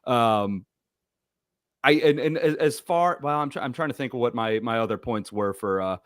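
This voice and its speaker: Guy on a sports podcast, rambles and restarts a lot, dry close mic, average pitch. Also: moderate pace, no echo. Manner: rambling, many restarts and fillers. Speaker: podcast co-host. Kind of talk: casual sports talk.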